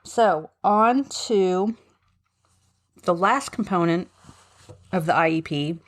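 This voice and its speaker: A woman's voice: on the low side, takes it slowly. A middle-aged American woman chatting casually as a podcast host, rambling and hesitant, with a slight lisp from braces. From suburban Philadelphia, US. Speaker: podcast host, special education advocate. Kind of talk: casual solo podcast talk.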